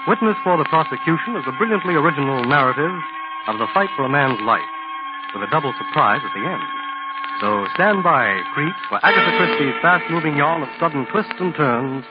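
An actor playing a sinister, theatrical host in the manner of a vintage horror narrator on a 1940s radio mystery show. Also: male voice, fairly high pitch, expressive, brisk, close to an everyday voice. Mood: sinister welcome. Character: spooky male host of a radio mystery playhouse. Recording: lo-fi old radio, loud music.

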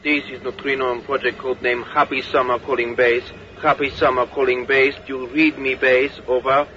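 A clipped aircrew radio caller. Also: male voice, medium pitch, flat delivery, normal speed, sharp tone. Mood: businesslike. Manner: clipped radio procedure talk. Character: male aircraft crewman radioing base, clipped. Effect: over a radio. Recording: dull lo-fi radio line with faint noise.

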